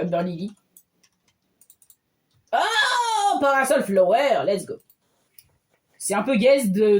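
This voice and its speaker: A man giving casual gameplay commentary as a streamer, excitable and often bursting into loud cheers. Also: high voice. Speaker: game streamer.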